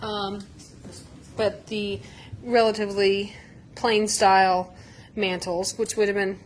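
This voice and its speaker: Woman, measured, hedging, indoor house tour, faint background noise. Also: mid-range voice, flat delivery, low-quality recording. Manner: measured, explains with hedges and fillers. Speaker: history museum staff giving a house tour. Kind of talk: casual explanatory house tour.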